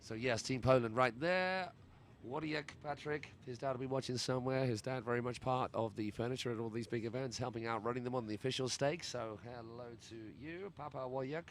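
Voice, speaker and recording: A man's voice: mid-range voice, a little fast, a little hiss or hum. Chatty English man commentating live sport. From England. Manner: chatty, colloquial, jokey.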